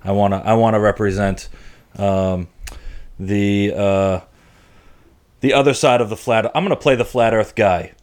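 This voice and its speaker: A man's voice: on the low side, fairly even intonation, measured pace, pauses often, darkish tone. A man co-hosting a podcast with casual, playful banter and an agreeable manner. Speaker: podcast co-host.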